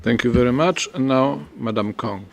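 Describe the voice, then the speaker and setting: A man with a gravelly, creaky voice chairs a formal committee session. He speaks briefly and procedurally, calling on members and passing the floor. His pitch is middling. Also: moderate pace.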